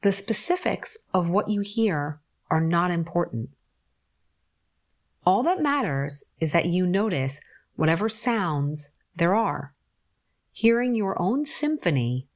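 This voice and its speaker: A woman leads a guided meditation in an unhurried, soothing way, leaving long pauses between phrases. Her voice sits a little low, yet it rises and falls in a lively, melodic line. Each instruction comes out gentle and calm. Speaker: forest bathing guide.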